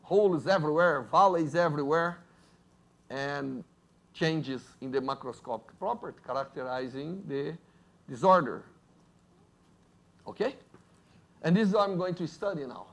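A man with a Brazilian Portuguese accent, a native Portuguese speaker, giving a lively university physics lecture and joking with the audience. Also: a little high, moderate pace, gravelly, long pauses. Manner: lively, jokes with audience, asks "right?".

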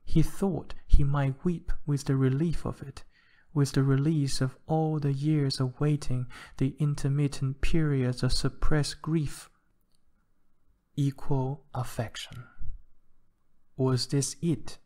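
Male narrator for a literary short story, slow and measured, mid-pitched. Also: steady tone, warm tone. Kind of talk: reading a short story aloud.

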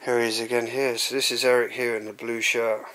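A man's voice: medium pitch, flat delivery, brisk, a bit bright. A young man giving a casual walk-through commentary to viewers while exploring. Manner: chatty, addresses viewers as guys. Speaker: urban explorer vlogger. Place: cluttered abandoned house indoors. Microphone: handheld or body camera. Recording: noisy handheld camera audio.

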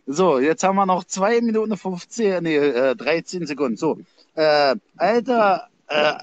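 A man with a Berlin accent hosting a livestream, rambling in slang with shout-outs. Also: fairly high pitch. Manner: slangy, rambling, calls everyone Dicker. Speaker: livestream host.

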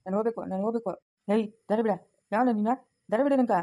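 Woman doing a confused village dad, talks fast, says the same thing over and over, kinda dark mellow voice. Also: on the high side, natural voice. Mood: agitated. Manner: insistent, repeats himself. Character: dazed middle-aged village father, restless. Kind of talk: family village drama.

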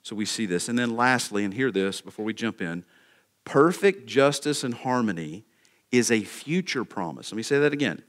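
A man's voice: medium pitch, expressive, moderate pace. A male pastor preaching a sermon, laying out numbered points with emphasis and checking in with the congregation by asking "okay?".

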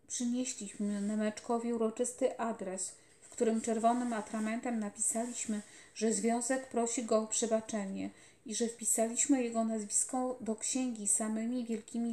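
Woman voicing an earnest boy delegate, slightly high voice, echoey room. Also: warm tone. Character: anxious boy club delegate. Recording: roomy echoey home recording.

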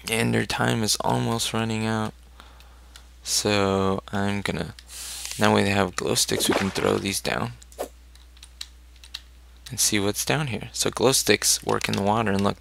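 Here the same kind of let's-play gamer, a man with a gravelly voice on the low side, chats about his gameplay, musing aloud and rooting for his character. Loud typing and keyboard clicks fill this noisy home recording.

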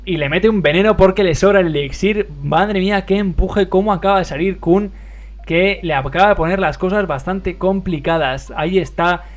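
Speaking at normal speed in a high voice, a young Madrid man with a Spain Spanish accent commentates a mobile game on his livestream. He delivers an excitable play-by-play, with lots of filler words.

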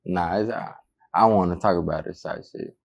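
A young man talks low and tersely, with a deep, gravelly fry under his words. He mumbles short, slangy answers while seated indoors. He is recorded close on a lapel mic. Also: fairly quick. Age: young adult. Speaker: rapper, interview guest. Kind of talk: casual interview.

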